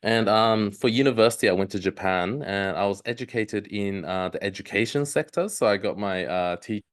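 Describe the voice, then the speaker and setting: Low-voiced man presenting a webinar. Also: moderate pace. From Australia. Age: 30s. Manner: hesitant, many ums and uhs. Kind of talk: live online presentation.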